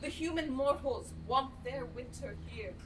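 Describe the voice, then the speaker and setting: A proud, wrathful fairy queen acted by a woman declaims Shakespearean verse in a hammy stage manner. She takes her time, and her high voice is picked up from a distance with some noise. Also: unhurried. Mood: grave, imperious. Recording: distant mic, noisy stage recording.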